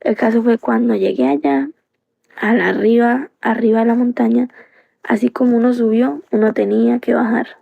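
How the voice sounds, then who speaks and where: A woman's voice: fairly high pitch, fairly even intonation, normal speed, gravelly, husky, phone-quality sound. A woman from Colombia, earnestly telling a personal story on a live stream into a phone, circling back with many fillers.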